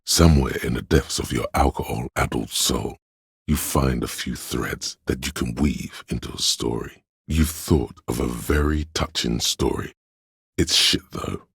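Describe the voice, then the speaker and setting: A man voices the wry, pretentious inner voice of artistic thought in a video game, musing with measured, droll pomposity. His exaggerated delivery is very deep, gravelly and husky. The studio-quality recording has no room sound.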